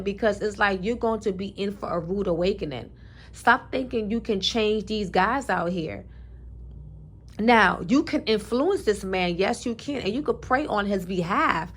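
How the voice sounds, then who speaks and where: Preachy, emphatic woman vlogger. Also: mid-range voice. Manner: colloquial speech with scripture references. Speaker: commentary vlogger. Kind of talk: opinionated monologue.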